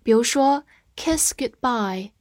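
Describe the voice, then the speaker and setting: A woman teaching English vocabulary, spelling words out letter by letter and repeating them slowly. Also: fairly high pitch, animated, no room sound, clean studio sound. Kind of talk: scripted vocabulary lesson.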